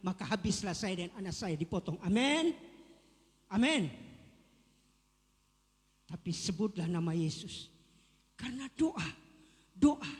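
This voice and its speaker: A man delivers a sermon in a church with an emphatic, repetitive style. His voice sits very high. The sound trails off in a long church reverb. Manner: emphatic, repeats key words. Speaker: pastor.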